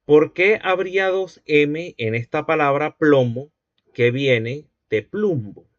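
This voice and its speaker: A man teaching a university phonology class, patient and repetitive, often pausing to check that students follow. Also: on the high side, no room sound. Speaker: linguistics teacher. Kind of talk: university lecture. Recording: dry, dull lo-fi recording.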